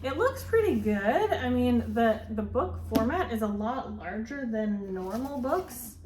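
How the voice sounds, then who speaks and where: A woman's voice: a little high, animated, unhurried, a little mellow. A woman chatting casually through a book haul, rambling with frequent ums and likes, filmed as a phone video. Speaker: book vlogger. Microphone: phone camera. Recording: roomy phone recording, faint ambience.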